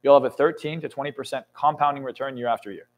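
This is a man in his twenties, a coach and motivational speaker, being interviewed for a podcast on an indoor studio lounge set, with faint music audible behind him. His medium-pitched voice moves fast. He speaks intensely and emphatically, swears a lot, and rises to excited peaks.

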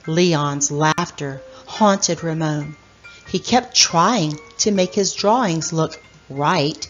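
A middle-aged woman hosts a reading of a children's picture book, telling it deliberately and expressively like a storyteller. Her voice is fairly low in pitch, and the audio sounds dull.

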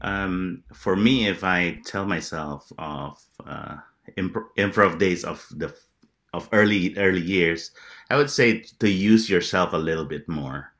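A man's voice: sits low, measured pace, fairly bright tone. A man in his thirties from Indonesia, an improviser, speaking reflectively with hesitant restarts on a video call. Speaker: panelist, improviser. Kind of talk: casual video call chat.

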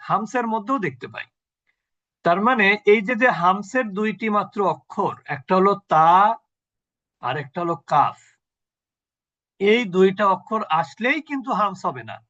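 A man's voice: sits high, a bit bright, dull audio. A man teaching a Quran recitation class online. He explains each point step by step, asking the class questions and then answering them himself. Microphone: video call.

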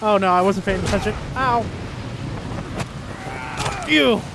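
A man's voice: high voice, slow. A man giving casual gameplay commentary, jokey and exclamatory, with swearing. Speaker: gamer. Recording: commentary over noisy game audio.

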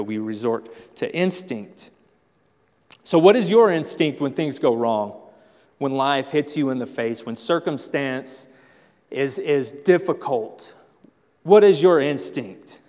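A man's voice: mid-range voice, a little mellow, long reverb tail. A man preaching a sermon as pastor, telling stories animatedly and acting out everyday family scenes. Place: church sanctuary.

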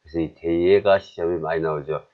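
Male English teacher, Korean accent, low voice, unhurried drills, dull lo-fi recording. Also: steady tone. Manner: chatty, self-deprecating, repeats drills slowly. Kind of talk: classroom grammar lesson.

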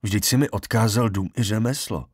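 A man's voice: on the low side, husky, no echo, clean studio sound. A man voicing a troubled young man in an audiobook, speaking in a pleading, shaken way. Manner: pleading, with flashes of anger.

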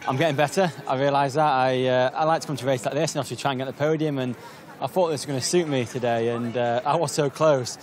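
A man's voice: mid-range voice, steady tone, fast, a little hiss or hum. A man triathlete speaking reflectively and a little hesitantly in a post-race interview.

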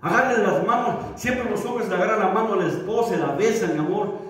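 High-voiced man preaching in an echoey hall. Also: a little fast, a bit bright, recorded from a distance. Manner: humorous, acts out little dialogues. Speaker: pastor. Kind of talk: sermon. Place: church hall.

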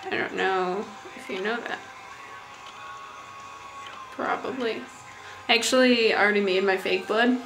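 Speaking at a measured pace with long pauses, this young adult woman has a medium-pitched voice. She's a vlogger showing off makeup effects, chatting loosely and muttering asides while working in a cramped bathroom. Audio quality is poor, with music in the background and the camera placed a little way off.

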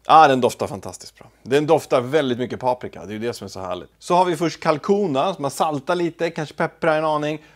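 A man's voice: a little high, hardly any pauses. A man hosting a casual home cooking video, talking to the camera while he cooks, with offhand, self-deprecating asides. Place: home kitchen.

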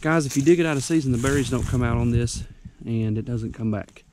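Talking a little fast in a mid-range, somewhat mellow voice, this young ginseng-hunting vlogger is winded as he offers rambling, homespun advice on a forested mountainside. A faint hiss or hum runs under the recording.

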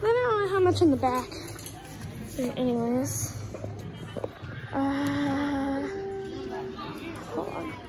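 A woman vlogging a casual walkthrough of a large busy store, rambling and excitable, recorded on a handheld phone. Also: sits high, takes it slowly, long pauses, low-quality recording. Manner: excitable, rambling, easily amazed. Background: loud music and crowd.

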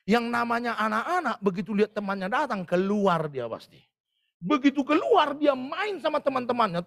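A man's voice: very high-pitched, vocal fry, a bit bright, breathy edge. A male pastor preaching a fervent sermon to a church congregation, often calling out to them directly. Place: church service.

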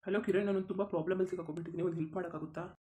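A worried young village man in a cartoon pleads for help in a rushed, anxious voice, as a voice actor plays him. His pitch sits in the middle range, and his words tumble out quickly. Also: steady tone, darkish tone, lightly acted. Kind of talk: cartoon voice acting.

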